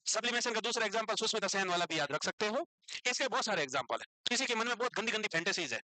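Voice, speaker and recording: A man teaching a class, lively and animated, constantly asking his students rhetorical questions. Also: high voice, racing, no echo, low-quality recording. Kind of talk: lecture to students.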